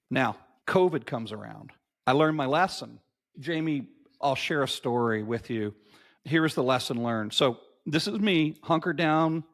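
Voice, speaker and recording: A man's voice: mid-range voice, fairly bright tone. A man in his fifties, a podcast guest telling stories in an emphatic, motivational way and repeating key phrases for effect. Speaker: podcast guest, marketing agency owner. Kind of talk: animated interview storytelling.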